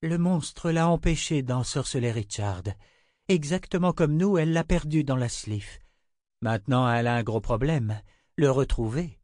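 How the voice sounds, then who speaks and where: A man reading Nietzsche, calm and reasoning. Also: medium pitch, normal speed, no room sound, studio quality, close to an everyday voice. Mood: explaining.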